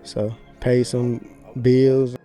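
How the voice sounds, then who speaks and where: A man's voice: medium pitch, little pitch movement, extremely slow, warm tone, soft background music. A man from Florida, a podcast guest telling stories in a laid-back, slangy, rambling way. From Pensacola, Florida. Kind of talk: casual podcast chat.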